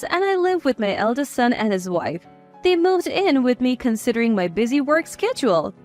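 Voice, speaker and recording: Woman, 60s, narrator of a family story; high, animated delivery. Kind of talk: scripted first-person story narration.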